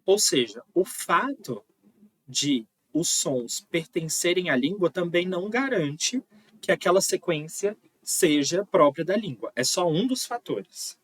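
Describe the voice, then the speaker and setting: A man's voice: high-pitched, animated, measured pace, no echo. A man giving an online phonology lesson, explaining patiently and often checking in with "tá?". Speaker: linguistics teacher.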